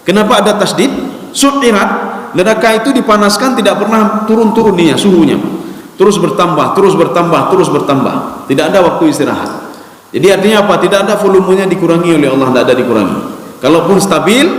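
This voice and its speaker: A man gives a mosque sermon in a lively, questioning way. He now and then breaks into chanted Arabic recitation. His voice sits a little high and rings out with a long, roomy echo. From Indonesia. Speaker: preacher. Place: mosque hall. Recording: echoey mosque hall.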